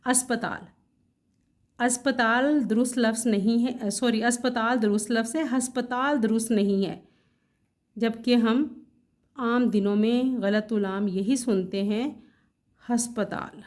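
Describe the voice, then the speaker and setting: A woman teaching correct word pronunciation in a vlog lesson, spelling out each word slowly and carefully, correcting herself with casual asides. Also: fairly high pitch, fairly even intonation, darkish tone. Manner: slow, careful spelling out of words letter by letter. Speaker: Urdu language teacher.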